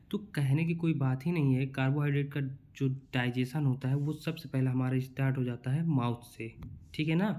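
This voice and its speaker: A young man teaching an exam-prep lesson, reading each question out slowly and then explaining it in a casual, repetitive way. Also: medium pitch.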